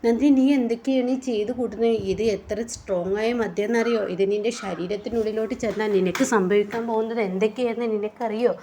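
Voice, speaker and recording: A woman's voice: fairly high pitch, steady tone, fast talker, few pauses, mellow, slight background noise, natural voice. A woman voicing a worried husband who reproachfully pleads with his wife. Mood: pleading.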